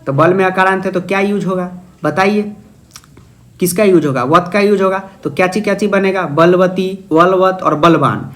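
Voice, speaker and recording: A young man gives a playful, jokey exam-prep video lesson on Sanskrit, often posing questions and answering them himself in a student's voice. His voice sits high and a bit bright at a moderate pace, with faint music behind.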